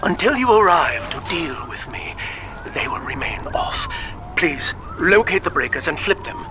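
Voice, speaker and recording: An actor playing a polite, melancholy mad scientist turned monster in a video game, speaking in a formal, theatrical way. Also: male voice, a little high, very animated, normal speed, noisy background. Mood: polite, uneasy. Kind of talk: scripted video game voice acting.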